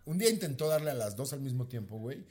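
A man's voice: mid-range voice, big pitch swings, fast talker, mellow. A Mexican man in his thirties, a podcast host, telling a crude, swearing story in casual comedic chat and laughing between lines.

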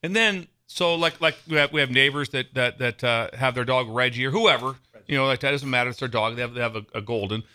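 A Nebraska man co-hosts a casual sports podcast, telling stories excitably and animatedly and laughing often. He talks fast, with a medium-pitched, clean-toned voice.

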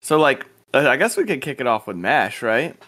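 A man with a medium-pitched voice that swings up and down freely. He rambles through casual podcast chat as a co-host, with plenty of slang and swearing. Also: big pitch swings, moderate pace, pushed and bright.

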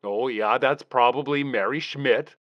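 Calling in by phone, this comic podcast host rambles in a folksy way, peppering his talk with "you know" and "uh." He speaks at a medium pitch and an unhurried pace, with no room sound and a dull, dry phone-line quality.

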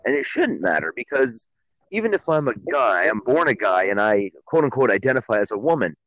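A man from Ontario calling in to a radio talk show, blunt and quick to laugh. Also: medium pitch, big pitch swings, a bit bright, dry recording, poor audio. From Ontario, Canada. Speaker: caller. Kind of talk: casual call-in chat.

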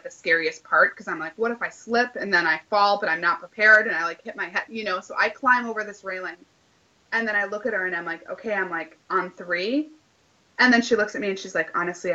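A woman's voice: medium pitch, sharp tone, lo-fi sound. A woman in her late twenties telling a story casually, full of fillers and acted-out quotes of what everyone said. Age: late 20s. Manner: chatty, lots of "like", acts out quoted dialogue.

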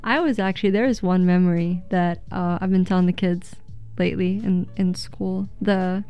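A woman's voice: fairly low pitch, fairly even intonation, moderate pace, clean tone, lo-fi sound, soft background music. A woman from Egypt on a radio talk show, telling reflective stories with many fillers. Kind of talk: casual radio chat.

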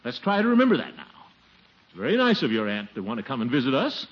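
An actor playing a pompous, fussy middle-aged uncle with blustering, theatrical delivery in a 1940s radio comedy. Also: male voice, medium pitch, huge pitch swings, quick pace. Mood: fussy, placating. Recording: noisy, dull 1940s radio recording.

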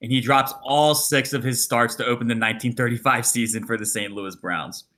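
A man co-hosting a podcast, telling a long story in a casual, animated way and acting out quotes. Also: mid-range voice, a little fast. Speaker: podcast co-host.

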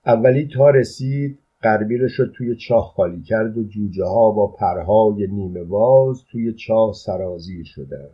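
Low, husky male storyteller. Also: hardly any pauses. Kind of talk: first-person audiobook reading. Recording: dull lo-fi recording.

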